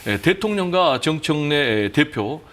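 A man giving measured political commentary on a broadcast, hedging with frequent fillers. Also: a little high, big pitch swings, fairly bright tone.

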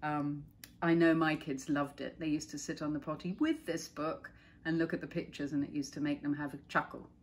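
A woman's voice: low-pitched, steady tone, slight background noise. A middle-aged woman reading a children's picture book aloud and chatting about the pictures between pages. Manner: gentle, chatty, pauses to point out pictures.

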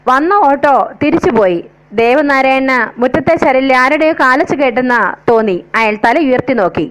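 A woman narrating a scripted story in a measured, wistful way. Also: high-pitched, low-quality recording.

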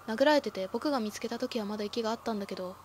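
A woman's voice: fairly high pitch, racing, a little mellow, a little hiss or hum, close to an everyday voice. A woman voicing a tense, insistent young man.

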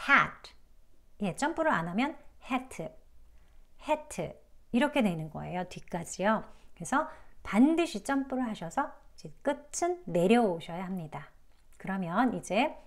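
A woman teaching English pronunciation in an online lesson. She speaks patiently and politely, with an encouraging tone, and says each sound slowly to demonstrate it. Her voice sits in a middle range. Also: medium pitch.

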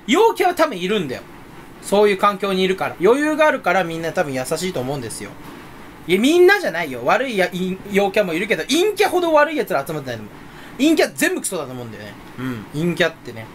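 A young man chats on his own from his room at home, hopping from topic to topic and making fun of himself. His pitch leaps around as he talks, and he talks fast with sudden loud outbursts. A faint hiss sits under the recording. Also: huge pitch swings. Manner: scattered, self-mocking, jumps between topics, sudden loud outbursts and mouth noises. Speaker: streamer chatting solo. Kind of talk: rambling casual chat.

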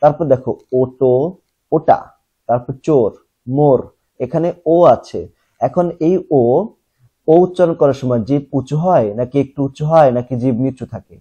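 A young man teaching a class, who explains step by step, asks questions and answers them himself, and repeats sounds slowly to show how they are said. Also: medium pitch, dark tone, slightly rough, highs cut off. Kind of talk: classroom lesson.

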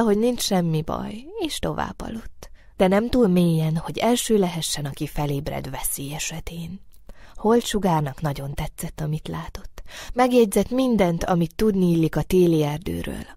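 A woman narrating a children's storybook in a gentle, expressive way, letting phrase ends drop soft. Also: fairly low pitch, gravelly, no echo, studio quality. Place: recording studio.

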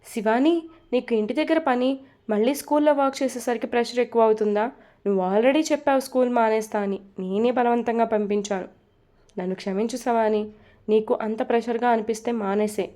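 A woman's voice: on the high side, fairly quick, warm tone, lightly acted. A woman voicing an irritable married man who presses his wife for answers, speaking firmly. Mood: apologetic. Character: irritable married man, quick to shout, then soothing.

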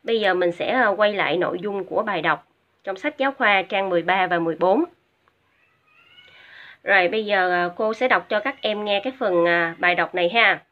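This recorded vocabulary lesson features a woman teacher with a Vietnamese accent who explains English words patiently, step by step, repeating each one twice for pronunciation practice. She talks fairly quickly at an ordinary middle pitch, with small hesitant fillers. The sound quality is dull and lo-fi.

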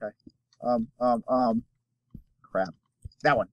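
A man's voice: mid-range voice, fairly even intonation, slow pace, dry recording, lo-fi sound. A young man co-hosting a game video, chatting casually and cracking sarcastic jokes at his partner. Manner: sarcastic, joking banter. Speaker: let's play co-host. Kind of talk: casual gameplay chat.

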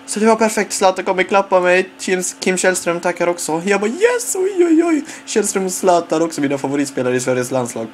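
A young man commentating his own football game play, excitable and full of repeated exclamations. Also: sits high, hardly any pauses, a little hiss or hum. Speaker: gamer.

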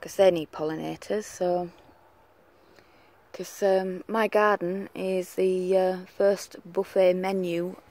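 Unhurried garden vlogger, outdoors, camera mic, hesitant with lots of ums, slow delivery. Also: medium pitch, flat delivery, a little mellow. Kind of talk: casual garden vlog. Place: outdoors in a home vegetable garden.

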